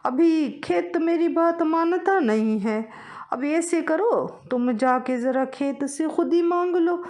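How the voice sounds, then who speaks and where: A woman voicing an easygoing village farmer man who talks in a slow, drawn-out way in a storybook. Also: sits high, darkish tone, voice pushed up.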